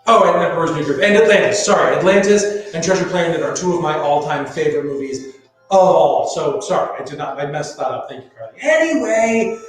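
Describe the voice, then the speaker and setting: A man's voice: a little high, expressive, fairly quick. Male live trivia host, casual showman patter, strongly reverberant space with music behind. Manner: playful showman, casual asides to viewers. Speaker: host of a live-streamed trivia game show. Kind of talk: live quiz show hosting, chatting with viewers. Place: echoey room.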